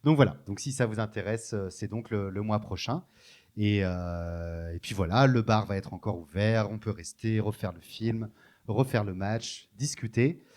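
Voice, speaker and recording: A man's voice: lowish voice, moderate pace, darkish tone. A man hosting a post-screening talk at a cinema café, making informal announcements. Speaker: event host. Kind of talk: announcements at an event.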